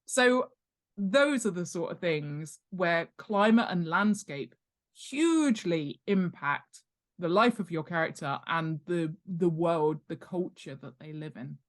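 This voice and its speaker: This British guest, an author who specializes in world-building, chats in a casual interview with a low, expressive voice, taking her time. Her explanations are emphatic and often self-deprecating.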